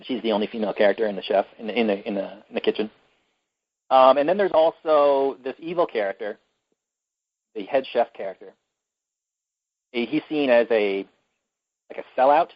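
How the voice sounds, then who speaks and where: A man's voice: medium pitch, expressive, normal speed, long pauses, no room sound, lo-fi sound. A man co-hosting a podcast, retelling a film plot in casual chat with many fillers and restarts. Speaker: podcast co-host.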